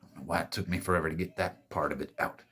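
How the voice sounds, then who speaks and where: A man's voice: low-pitched, steady tone, fast talker, pushed and bright, husky. A man hosting his own show, telling a story in a rambling, boastful, profane way and calling his viewers "babies". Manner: laid-back, rambling delivery with self-corrections. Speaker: host. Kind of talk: storytime monologue.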